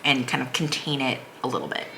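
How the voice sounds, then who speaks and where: Mom vlogger rambling casually, low bright voice, some steady noise behind her. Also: a little fast. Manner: rambling, informal, frequent "like". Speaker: vlogger, mother of a young child. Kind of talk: casual chatty vlog recap.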